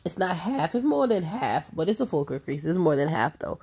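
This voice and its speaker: Stuffed up from a cold, a sassy thirty-something makeup artist talks through her tutorial in a low, husky voice with a warm, relaxed tone. She is brisk and emphatic, speaking to her audience as if to a close friend.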